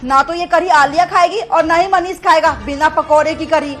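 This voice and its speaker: A woman in her fifties playing a stern, sharp-tongued mother-in-law who scolds her new daughter-in-law loudly, in a family drama. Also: very high voice, brisk, soft background music. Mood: scolding. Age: 50s.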